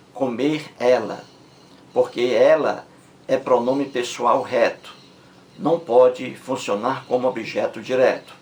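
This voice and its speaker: Brazilian man, patient grammar teacher, slow and drawn-out, hammers each example word home. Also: medium pitch, a little hiss or hum. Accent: Brazilian Portuguese. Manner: drawn-out, emphatic repetition of example words. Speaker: Portuguese language teacher. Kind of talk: slow, repetitive grammar lesson.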